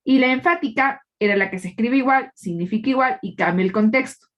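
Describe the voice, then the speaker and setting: A woman's voice: on the high side, brisk, fairly bright tone. Woman teacher with a dull lo-fi sound. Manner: explains patiently, often adds tag questions; quizzes the class. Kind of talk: live online class lecture.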